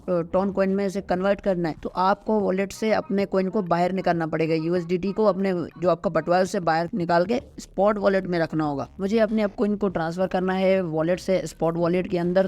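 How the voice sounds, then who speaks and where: A man's voice: high-pitched, darkish tone. A man with a Pakistani Urdu accent, walking viewers through a screen tutorial step by step and checking in often. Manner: step-by-step instructing, frequent "theek hai" check-ins. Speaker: host of a crypto tutorial. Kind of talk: screen-recorded tutorial walkthrough.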